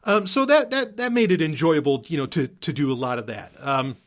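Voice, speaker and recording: A podcast host talks in a casual, unscripted monologue, rambling emphatically, often repeating himself and swearing casually. His voice is on the high side and a little fast.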